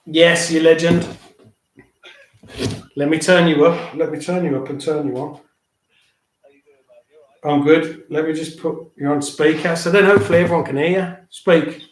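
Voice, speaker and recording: A man's voice: fairly high pitch, steady tone, normal speed, pauses often. A man hosting a live phone-in stream, chatting casually and waffling with matey slang. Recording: echoey room, faint noise.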